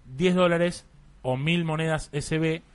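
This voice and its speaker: A man's voice: fairly high pitch, measured pace. A young man with an Argentine accent, hosting a casual game review chat and rambling a bit as he talks. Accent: Argentine Spanish. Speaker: podcast host reviewing games.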